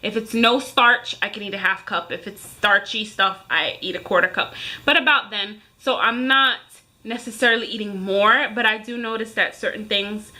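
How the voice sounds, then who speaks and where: A woman in her thirties rants casually to her viewers like a vlogger, speaking emphatically at a moderate pace. Her voice sits at medium pitch and has a sharp tone.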